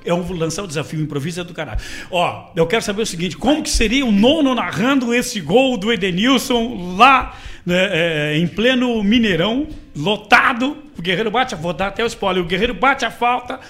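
A man's voice: sits high, animated, brisk, pushed and bright. A man hosting a podcast, playfully leading the topics in casual banter. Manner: playful, leads the segments. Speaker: podcast host.

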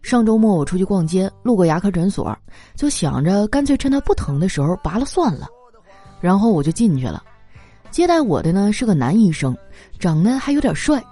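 A woman telling comic stories in a lively, animated way, laughing through her punchlines. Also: medium pitch, a little fast, soft background music. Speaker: comedy monologue performer. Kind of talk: stand-up style comic storytelling.

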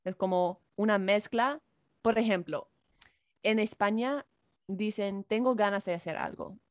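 A woman's voice: mid-range voice, measured pace, no room sound, studio quality. A woman, a native English speaker, in casual chat, mixing Spanish and English in Spanglish. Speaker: content creator.

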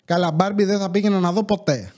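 Young guy podcasting from home, pretty high voice, chatty and animated, acts out the back-and-forth. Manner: animated storytelling, acting out dialogue with shifting pitch. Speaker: podcast host. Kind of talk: casual podcast chat.

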